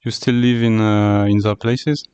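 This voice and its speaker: A man hosting a casual podcast interview, asking his questions in a tentative, halting way. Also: on the low side, level tone, darkish tone, clear, resonant tone, no room sound, muffled recording.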